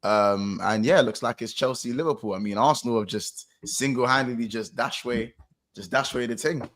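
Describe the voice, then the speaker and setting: A male football fan panellist speaks in a London accent at a middling pitch. He tells things casually, like chat among friends. He often repeats a phrase to drive it home. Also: brisk, a bit bright.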